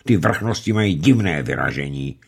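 Storybook granny, kindly and old, homely, gently chiding, voiced by a male reader; husky, low. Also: lively intonation, heavily acted. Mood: homely, gentle. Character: kindly old peasant grandmother.

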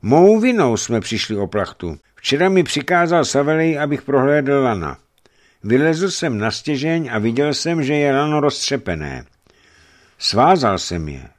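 Man doing a tearful ship's boy owning up, storybook, pitched up. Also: very animated, close to an everyday voice. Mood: contrite. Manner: contrite, tearful. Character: remorseful young ship's boy.

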